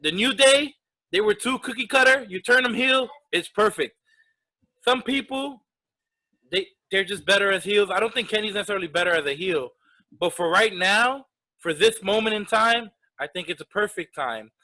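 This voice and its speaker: A man co-hosts a wrestling chat show. His voice is high and bright, with an edge to it. He interjects often and pushes back in a casual, back-and-forth way. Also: lively intonation, low-quality recording. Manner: quick to interject and push back. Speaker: wrestling podcast co-host.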